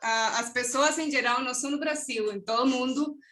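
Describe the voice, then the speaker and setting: A woman with a Colombian accent and a high, bright voice answers questions on an online academic panel. She is a native Spanish speaker and hesitates, hunting for the right word and often adding a questioning tag. Her video-call sound carries a noticeable room echo. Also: moderate pace. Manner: hesitant, searching for words, many tag questions. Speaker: conference presenter.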